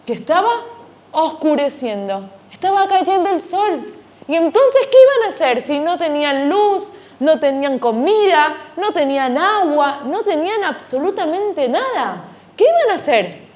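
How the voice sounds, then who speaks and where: Animated children's teacher. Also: female voice, high-pitched, unhurried. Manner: animated, questioning the kids. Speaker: children's Sunday school teacher. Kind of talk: storytelling to children.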